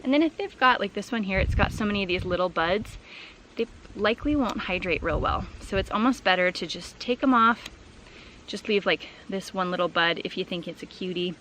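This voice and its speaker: A woman's voice: medium pitch, fairly quick, a bit bright, slight background noise. Chatty woman vlogging from a flower field. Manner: chatty and upbeat, lots of fillers like "like" and "um". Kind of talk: casual vlog chat while harvesting. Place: outdoors in a flower field on a farm. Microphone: camera set low on the ground.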